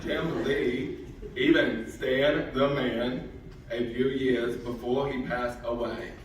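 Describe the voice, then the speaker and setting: Guy reading a chill comic book artist, slow and drawling, echoey hall, mic far off. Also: mid-range voice, fairly even intonation, very noisy, natural voice. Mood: amused. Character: male comic artist Holden, laid-back and amused. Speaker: actor at a live script reading.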